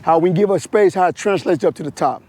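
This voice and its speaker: Recorded outside on a wireless mic, a man with a hoarse, warm voice that sits high coaches a slow-speed motorcycle exercise, taking it step by step and repeating short cues.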